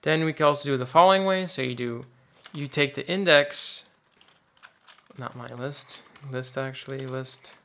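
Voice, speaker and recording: A man's voice: mid-range voice, normal speed, sharp tone. A man teaching programming in an informal, think-aloud way, often restarting his sentences, over a screen-recorded coding tutorial. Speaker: programming instructor.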